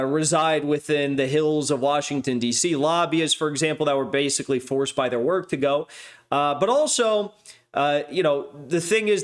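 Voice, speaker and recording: A man hosting a livestream news show, talking off the cuff in a rambling, sardonic way with mocking asides. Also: on the high side. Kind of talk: casual off-the-cuff monologue.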